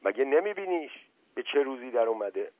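A man's voice: mid-range voice, very animated, no echo, pitched above the performer's own voice. A man voicing a shrewd, scheming village man who talks firmly with a raised voice. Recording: tinny phone-like dry recording.

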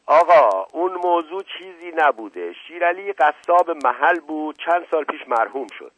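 A man's voice: mid-range voice, animated, no echo, close to an everyday voice, low-quality recording. A man voicing a pompous, anxious elderly family patriarch, flustered and reproving.

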